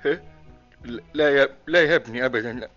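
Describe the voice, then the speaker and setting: A man's voice: medium pitch, fast talker, a bit bright, lightly acted. An actor playing a tender-hearted old male servant who stammers, in an old Egyptian radio drama, with an Egyptian accent. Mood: moved. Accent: Egyptian Arabic. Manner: stammering, tearful. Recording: dull old radio recording with music.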